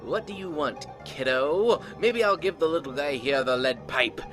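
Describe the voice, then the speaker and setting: A man's voice: fairly high pitch, moderate pace, over music, lightly acted. A man playing a manic, gleeful clown supervillain in a comic-book audio drama, taunting theatrically with sadistic mock friendliness.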